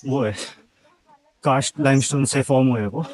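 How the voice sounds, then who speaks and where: A man's voice: medium pitch, normal speed, a little mellow. A man chatting as a travel vlogger while he walks outdoors among rocks and a temple, mixing English words into his talk. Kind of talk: casual walking travel vlog. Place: outdoors at caves and a hillside temple.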